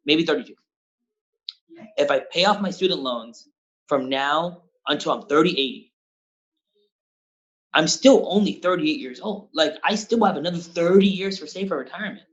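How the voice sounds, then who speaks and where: A man hosting a casual interview, eagerly asking follow-up questions and playing devil's advocate. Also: on the high side. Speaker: host and company head. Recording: dull, muffled mic sound.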